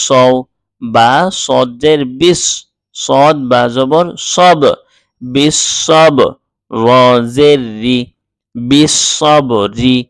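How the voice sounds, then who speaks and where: A man of middle pitch teaches Quran reading at an unhurried pace, drawing out each syllable. His voice is smooth and resonant, recorded close and dry in a quiet room. Between spelled syllables he explains the rules in faster, plain talk. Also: no room sound. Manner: spells letters and vowel marks slowly, then explains quickly. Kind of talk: slow syllable-by-syllable recitation lesson.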